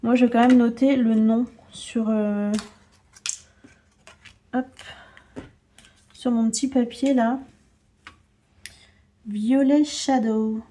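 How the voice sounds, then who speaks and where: Slow, soft-spoken woman art vlogger. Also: a little high, fairly even intonation. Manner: chatty, narrates her own hands-on work with little asides. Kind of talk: casual chat while unboxing and swatching paints.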